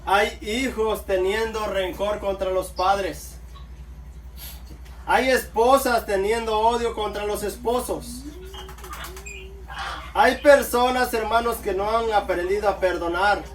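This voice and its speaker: High-voiced preacher in an echoey hall. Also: male voice, fairly even intonation, slow pace, pauses often. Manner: addresses listeners as brothers, calls out amen often. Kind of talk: sermon. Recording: echoey room, mic far off, faint background noise.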